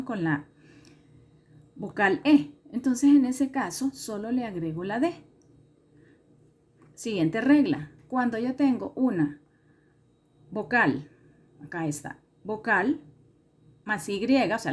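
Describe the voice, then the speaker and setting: This is a recorded classroom lesson from a woman English teacher with a mid-range, slightly mellow voice. She explains patiently step by step, repeating key points and correcting herself.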